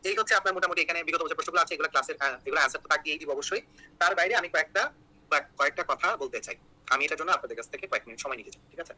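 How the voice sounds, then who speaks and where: A young man from Bangladesh, teaching an online exam-prep class in a quick, joking way and checking in with his students again and again. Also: fairly high pitch, expressive, bright, forceful tone, rough recording. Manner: rapid, joking, repeats key points with "ঠিক আছে?".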